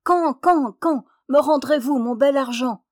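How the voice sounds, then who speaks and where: Woman doing a shrill stubborn little duck. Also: animated, normal speed, natural voice. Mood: crying out. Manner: shrill, insistent crying out. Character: plucky little male duck, stubborn creditor.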